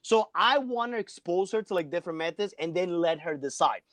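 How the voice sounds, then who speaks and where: A man's voice: high-pitched, expressive, a little fast, fairly bright tone, no room sound. A middle-aged man, a math teacher talking casually as an interview guest from his home basement, filling his speech with "like.". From Colombia. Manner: chatty, peppers speech with "like".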